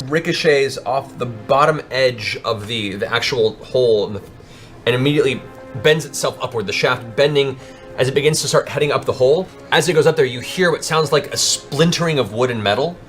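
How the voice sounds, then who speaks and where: A man with a mid-range voice narrates briskly as game master of a tabletop fantasy game, spinning the story dramatically and improvising as he goes. Music plays behind him.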